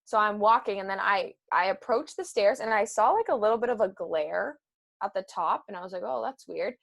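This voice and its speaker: A young woman co-hosting a podcast, telling a story in casual chat and acting out quotes with big jumps in her voice. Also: a little fast. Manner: animated, acts out quotes with big pitch jumps. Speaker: podcast co-host.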